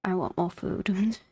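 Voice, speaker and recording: This young woman streams games, chatting casually and reacting with playful giggles over faint game music. Her mid-range voice is slightly mellow with a breathy edge, and there's no room sound.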